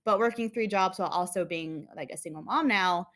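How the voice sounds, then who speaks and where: A woman's voice: fairly low pitch, fairly quick, a bit bright. Chatty young woman, laughing often. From United States. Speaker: interview guest. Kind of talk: casual interview.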